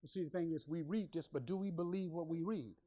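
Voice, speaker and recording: A woman's voice: lowish voice, quick pace, warm tone. Woman preacher, emphatic, repetitive, call-and-response sermon.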